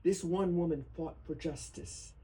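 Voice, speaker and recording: A man giving a solemn poetry reading at a memorial, with deliberate, emphatic phrasing. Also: on the high side, dark tone. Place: bookstore reading event before a small audience. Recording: noisy live room recording.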